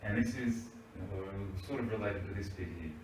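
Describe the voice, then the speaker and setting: A man's voice: low voice, moderate pace, darkish tone, a little hiss or hum. A man teaching English grammar to a class, patiently asking "right?" as he checks that the class follows. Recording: echoey room, mic far off.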